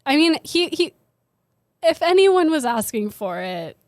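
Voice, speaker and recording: Valley girl sounding woman podcasting, kinda high voice, really dry close sound, chatty storytelling. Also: sing-song, measured pace, no room sound. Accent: Valley girl American. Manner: Valley girl way of talking, peppered with "like". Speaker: podcast co-host. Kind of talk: conversational storytelling to a co-host.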